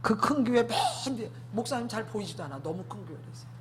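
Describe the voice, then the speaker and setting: A man's voice: high-pitched, animated, brisk, heavy background noise. A man preaching a sermon testimony, emphatic, asking the congregation rhetorical questions.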